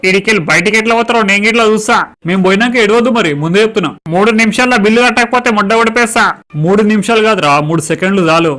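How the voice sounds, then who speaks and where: A man's voice: high-pitched, very fast, a bit bright. A man, swearing through brash banter in a comic skit. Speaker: comedy skit performer. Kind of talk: crude comic skit dialogue.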